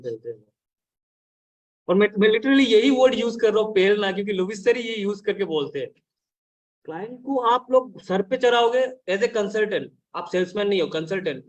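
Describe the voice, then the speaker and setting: High-voiced blunt man coaching a team. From India. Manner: blunt, scolding, mixes Hindi and English. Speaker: business consultant and trainer. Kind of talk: training session talk.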